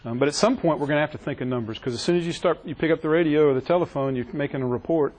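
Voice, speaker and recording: A man's voice: on the high side, racing, a little mellow, poor audio. A man teaching a classroom EMS training session, quizzing his trainees and joking with them. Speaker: EMS instructor.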